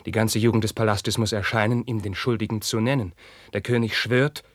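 An actor playing an anguished young prince, declaiming verse in a 1950s radio drama and swinging from hushed whispers to outbursts. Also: male voice, lowish voice, no echo, lightly acted. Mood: impassioned. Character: young anguished prince, passionate, tormented by forbidden love.

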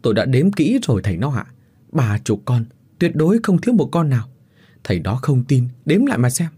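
A man's voice: mid-range voice, very animated, brisk, warm tone, slightly rough, voice pushed up. A man voicing an anxious middle-aged country wife who stammers and pleads. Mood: insistent.

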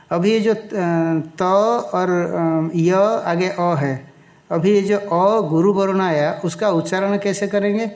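A man gives a scripture lecture in a slightly high voice. He speaks very slowly and deliberately, chanting lines of verse and then breaking them down for his students. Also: a little mellow. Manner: slow, deliberate explaining, chants verses, chuckles. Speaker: teacher of scripture. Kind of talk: Sanskrit text lecture in Hindi.

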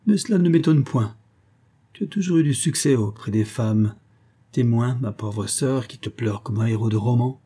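A man's voice: medium pitch, normal speed, dark tone, natural voice. A man voicing a sardonic, insolent male drifter in his mid-thirties, mocking and pushy. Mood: sneering.

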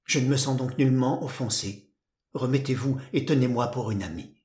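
A man reading a sorrowful, hushed young woman. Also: medium pitch, normal speed, lightly acted. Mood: composed. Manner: bitter, despairing, hushed. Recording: roomy echo.

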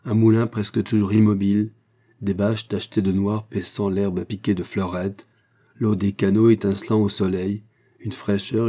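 Guy reading an old novel aloud, low mellow voice, steady pace. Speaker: audiobook narrator. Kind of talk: scripted narration.

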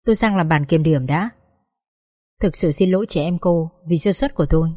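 A woman's voice: lowish voice, fairly quick, warm tone, dry recording, clean studio sound, lightly acted. A woman voicing a weary apologetic man. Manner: tired, sighing, apologetic.

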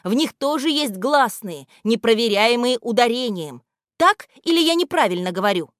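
A woman voicing a strict, scolding male guardian of grammar in a storybook reading, speaking loudly and higher than her own voice. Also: expressive, moderate pace, no room sound, studio quality. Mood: stern lecturing. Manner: loud and scolding.

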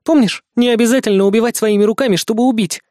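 A hard-nosed young woman, voiced by a male reader, urgent and commanding, pushing her partner to act. Her voice sits a little raised and high, with a dry, close sound. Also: fast, darkish tone, no room sound, close to an everyday voice. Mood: urgent insistent. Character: cold, pragmatic young woman, a ruthless race partner.

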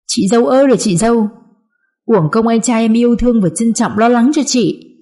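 A shrill, scheming young sister-in-law in an audiobook drama, played by a woman reader, raising her voice high to accuse and fake tears. The tone underneath stays warm and mellow. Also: normal speed, natural voice. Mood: mock-tearful. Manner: mock-tearful, accusing, shrill.

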